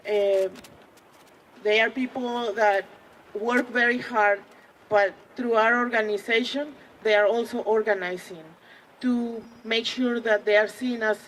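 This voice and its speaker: A woman in her forties with a Mexican accent, giving an earnest rally speech as a community organizer, pausing often with fillers. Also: on the high side, slight background noise, rough recording. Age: 40s. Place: outdoors at a public rally.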